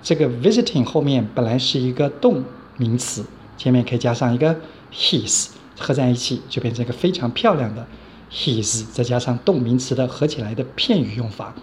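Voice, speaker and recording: A male teacher walks through grammar examples in a steady, mid-pitched voice. He repeats each example and spells out the letters. A faint hiss of noise sits under the recording. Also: moderate pace. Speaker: English teacher. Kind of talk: grammar lecture.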